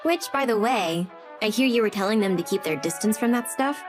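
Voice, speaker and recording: An actress voicing a brash, tough young woman fighter who talks in a blunt, sarcastic and rough way in an anime dub. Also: medium pitch, animated, fairly quick, lightly acted. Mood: scornful. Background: background music.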